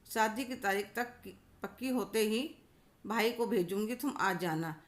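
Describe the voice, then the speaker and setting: A woman voicing a gracious, affectionate widowed mother-in-law in a storybook tale, speaking gently. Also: mid-range voice, unhurried, lightly acted.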